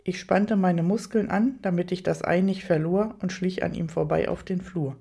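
A woman narrating a first-person audiobook story at an even storytelling pace, with light, amused touches. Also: lowish voice, normal speed, vocal fry, slightly rough.

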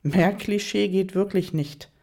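A woman's voice: mid-range voice, unhurried, creaky, darkish tone. A woman reading the part of a betrayed wife who answers with dry, composed sarcasm. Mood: sarcastic. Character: cool, sharp-tongued betrayed wife.

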